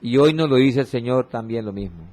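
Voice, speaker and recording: A man preaching a sermon, reading scripture slowly and repeating exhorting refrains, with his voice often dropping low and soft for emphasis. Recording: radio broadcast of a church sermon.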